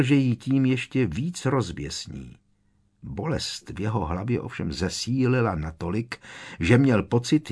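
A man narrating an audiobook with a lively, expressive reading. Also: lowish voice, slightly rough.

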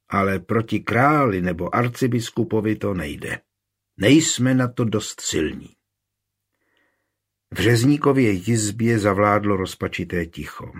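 A man narrating a historical audiobook in a measured, steady way. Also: mid-range voice.

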